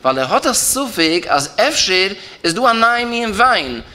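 Man, Yiddish accent, rabbi lecturing, singsong chant, bright tense tone, fairly high. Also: big pitch swings, normal speed. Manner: rising and falling chant, stresses key terms, repeats phrases.

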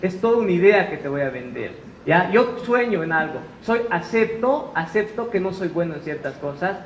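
Bolivian chef, male, chatty conference speaker, fairly high voice, roomy muffled recording. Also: animated, normal speed. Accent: Bolivian Spanish. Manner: chatty storytelling, tag questions. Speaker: chef giving a talk. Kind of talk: conference talk. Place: conference room. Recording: roomy hall, muffled sound, faint noise.

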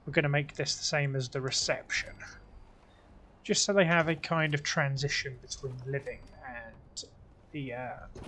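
A man's voice: a little high, a bit bright. A young man from the UK giving casual, chatty commentary as he plays, talking himself through each choice. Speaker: let's play host.

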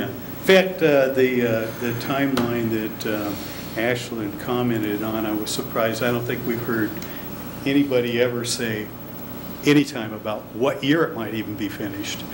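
An older man, an elected director, answering a city council from a podium, earnest and defensive. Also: on the low side. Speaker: elected transit board director. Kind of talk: presenting at a public council meeting. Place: large council chamber, standing at a podium. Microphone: podium microphone. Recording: noisy council chamber recording.

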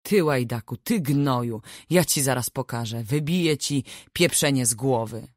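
A woman's voice: extremely low pitch, normal speed, no echo, clean studio sound. A woman reading the lines of a harsh, furious older peasant father in a storybook, barking threats.

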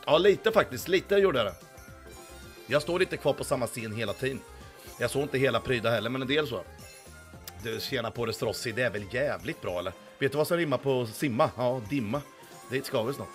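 A hoarse man livestreaming, reading the chat and talking in a crude, boastful, swearing banter. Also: medium pitch, fairly bright tone.

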